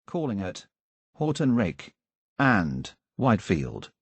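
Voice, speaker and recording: A man giving automated train announcements, his words spliced together so the loudness jumps from one word to the next, each word set apart. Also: lowish voice, sing-song, takes it slowly, husky. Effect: spliced together words, jumping loudness between words. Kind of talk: recorded public announcements.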